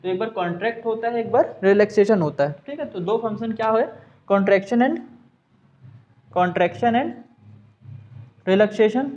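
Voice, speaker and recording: A man's voice: high-pitched, a little mellow, lo-fi sound. A man teaching a science class, with a Hindi accent, who asks and answers his own questions and mixes in English terms. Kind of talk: class lesson.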